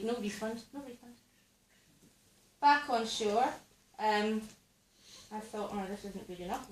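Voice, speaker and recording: A woman performing a dry, deadpan stand-up set on a theatre stage, recorded in an echoey room. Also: fairly high pitch, a little hiss or hum. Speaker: stand-up comedian and host. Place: theatre stage before a live audience. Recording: echoey theatre, mic at a distance.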